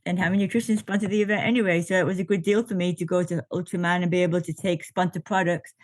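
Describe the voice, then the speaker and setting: Guest: woman, late fifties, rambling and upbeat, low-ish voice, dead-dry room. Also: fairly even intonation, fast, no echo. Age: 50s. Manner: chatty, laughing, with many fillers. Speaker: podcast guest, ultra triathlete. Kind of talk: casual interview chat.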